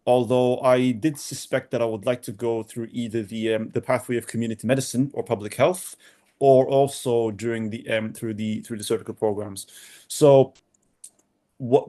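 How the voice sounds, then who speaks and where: A young man from Sudan, a doctor answering podcast interview questions in a halting way with many restarts and repeated words. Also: mid-range voice, steady tone, dark tone. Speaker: doctor, guest.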